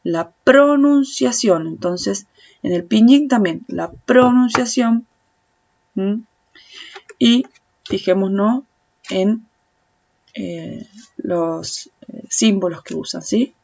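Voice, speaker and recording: A woman with a Rioplatense Spanish accent walks through a language lesson at an unhurried pace, patiently repeating each sound for the viewer. Her voice sits at a middle pitch. The audio is a little dull and lo-fi. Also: gravelly, darkish tone. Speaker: Chinese language teacher. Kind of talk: slow step-by-step tutorial explanation.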